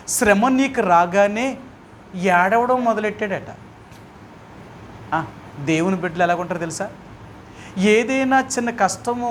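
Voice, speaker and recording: A man preaching a sermon at a prayer meeting, hammering his listeners with rhetorical questions and swinging between loud bursts and quiet drops. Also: high-pitched, a little hiss or hum. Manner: emphatic, keeps asking rhetorical questions. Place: prayer house.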